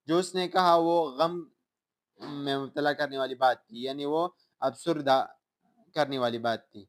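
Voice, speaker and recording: A man with a Pakistani accent teaching a lecture, explaining English grammar and vocabulary in Urdu and reading example sentences slowly. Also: a little high, steady tone.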